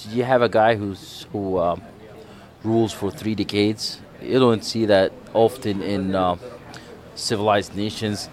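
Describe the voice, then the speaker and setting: A man in his twenties from Egypt talking in animated bursts with fillers. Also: on the low side. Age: 20s. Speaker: interviewee.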